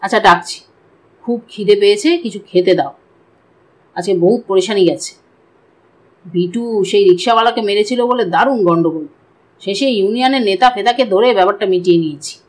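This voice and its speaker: A woman's voice: mid-range voice, moderate pace, long pauses, natural voice, rough recording. A woman doing an offhand young son. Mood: tired. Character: young man, casual and reassuring son.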